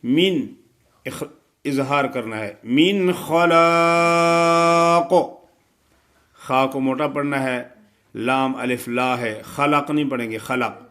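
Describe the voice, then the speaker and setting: A man teaching a recitation lesson, chanting verses slowly and melodically, then explaining the rules in quick, matter-of-fact speech. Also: mid-range voice, steady tone, fairly bright tone. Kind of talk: tajweed lesson.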